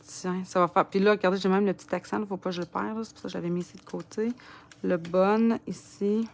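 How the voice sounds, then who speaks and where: A woman's voice: medium pitch, steady tone, fast, creaky, a little mellow. A woman with a Quebec French accent giving a casual crafting tutorial, chatting and muttering to herself as she works. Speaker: papercraft demonstrator.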